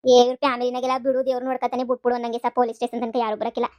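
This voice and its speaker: A woman puts on a shrill, fast-talking old village granny from for a cartoon comedy. The granny wails and pleads and tags "sir" onto almost every phrase. She is scheming and theatrical, and she plays up her misery with great energy. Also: flat delivery, a little mellow, lightly acted. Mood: pleading. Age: over 60 (figure). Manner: wailing, pleading, repeats "sir" constantly. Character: elderly grandmother, scheming and melodramatic. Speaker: complainant at a police station.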